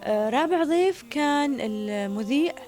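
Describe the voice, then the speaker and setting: A woman's voice: high voice, animated, normal speed, a little mellow. A woman, co-hosting a casual chat and listing past guests in a matter-of-fact way. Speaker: co-host.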